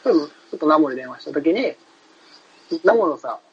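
Rambling fast-talking man, lo-fi sound. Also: fairly high pitch, lively intonation, husky. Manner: rambling, many fillers and restarts. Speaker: podcast host recounting a trip. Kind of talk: casual chat. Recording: dull lo-fi sound.

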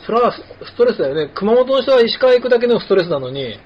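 A man leads a laid-back podcast chat, building his points from everyday examples. His voice sits high. The recording is dull and lo-fi, with a faint hiss behind him. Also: fast. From Kumamoto, Japan. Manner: relaxed, explains with examples. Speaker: podcast host. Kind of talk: casual chat. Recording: dull lo-fi sound with faint noise.

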